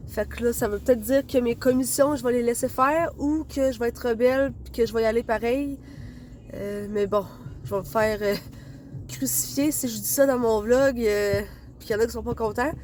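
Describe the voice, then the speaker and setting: Speaking at a normal speed, a young woman with a Quebec French accent vlogs to her phone camera through a stuffy cold. Her pitch is fairly high and her tone darkish, with slight hiss or hum in the background. Her delivery is rambling and chatty, packed with fillers.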